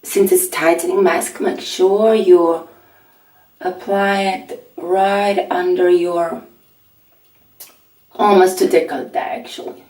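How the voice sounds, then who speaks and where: A middle-aged woman with a raspy early-morning voice, chatting softly through a skincare tutorial and filling her pauses with "um". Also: fairly low pitch, steady tone. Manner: soft-spoken, chatty, with frequent fillers. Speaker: beauty vlogger. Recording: echoey room, mic at a distance.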